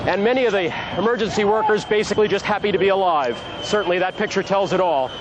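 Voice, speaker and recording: A man giving an unscripted live news report from outdoors, recounting events in a halting, measured way. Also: high-pitched. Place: outdoors on a city street. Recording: clear outdoor traffic noise.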